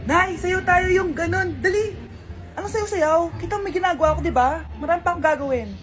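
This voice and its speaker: A woman acting out comedic skits, switching between roles in a quick, playful way. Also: extremely high pitch, over music. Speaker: comedy skit creator.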